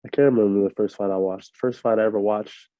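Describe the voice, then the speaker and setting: Laid-back young man, dark and muffled. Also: lowish voice, steady tone, fast, no echo. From Miami, USA. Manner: laid-back, rambling with many fillers. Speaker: interview guest, fighter. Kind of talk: casual interview answers. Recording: muffled lo-fi audio.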